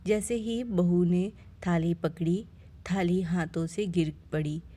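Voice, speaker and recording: Slow, mellow woman telling a story. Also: fairly low pitch, slightly rough. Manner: calm, steady storytelling. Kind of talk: family story narration.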